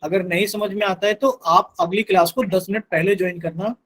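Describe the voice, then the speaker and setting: A man's voice: high voice, steady tone, a little fast, fairly bright tone, poor audio. A man teaching a live online math class, patiently repeating instructions to his students.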